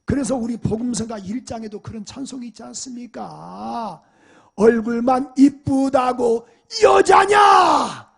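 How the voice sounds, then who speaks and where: A man's voice: very high voice, lively intonation, measured pace, creaky, a bit bright, husky, raised voice. A male pastor preaching a sermon with emphasis, often asking the congregation rhetorical questions. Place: church sanctuary.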